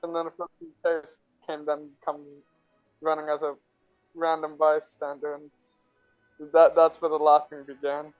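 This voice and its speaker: A man's voice: on the high side, monotone, unhurried, no echo. A man giving behind-the-scenes commentary on his own film, hesitant and rambling, full of fillers and restarts. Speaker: filmmaker discussing his fan film. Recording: dull, lo-fi sound. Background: faint film music.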